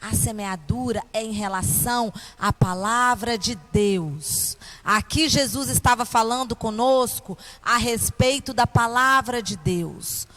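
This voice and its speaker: Brazilian woman, children's Bible teacher. Kindergarten-teacher delivery, highish pitch, very unhurried, question-led. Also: fairly bright tone. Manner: kindergarten teacher voice, simple didactic phrasing addressed to children.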